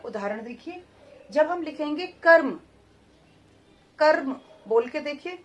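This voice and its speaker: A Hindi teacher gives children a grammar lesson in a high, clear voice. She goes slowly and deliberately, repeating each word and sounding out its syllables one by one.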